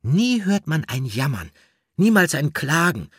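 A man's voice: a little high, very animated, a little slow, a bit bright, husky, no room sound, studio quality, pitched above the performer's own voice, full character voice. A man voicing a sad, thoughtful male rabbit in a storybook audiobook. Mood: earnest.

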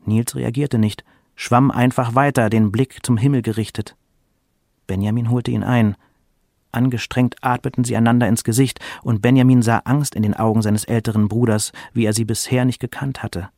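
Man giving a measured literary reading. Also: mid-range voice, steady tone, gravelly, a little mellow, no room sound, studio quality. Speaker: reader.

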